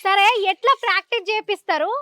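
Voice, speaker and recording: A woman's voice: extremely high pitch, quick pace, bright, forceful tone. A woman interviewer asking casual, teasing questions. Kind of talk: casual chat.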